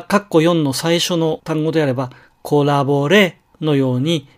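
A man teaching pronunciation in a slow, careful lecture, pausing to model single syllables and words. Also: on the high side. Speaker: language teacher.

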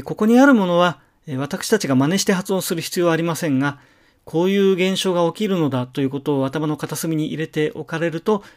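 A middle-aged man giving a slow, methodical language lecture, with careful demonstration pronunciations. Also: fairly high pitch. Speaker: language teacher.

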